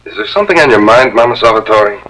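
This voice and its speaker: An actor playing a tough, hot-tempered police lieutenant, speaking in a blunt, hard-edged way, heard through the sound of a 1950s TV broadcast with a music bed. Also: male voice, medium pitch, expressive, fast, a bit bright, rough recording. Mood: stern.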